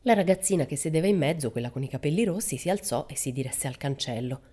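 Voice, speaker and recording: A woman narrating a children's storybook in a measured, expressive way. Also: sits low, slightly rough. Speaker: audiobook narrator. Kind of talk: storybook reading.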